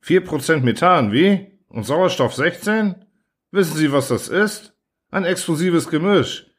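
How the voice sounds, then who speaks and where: A man voicing a gruff, irritable starship commander who is blunt and sarcastic, in an audiobook reading. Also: medium pitch, lively intonation, moderate pace, close to an everyday voice. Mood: angry. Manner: blunt, sarcastic, flares into shouting.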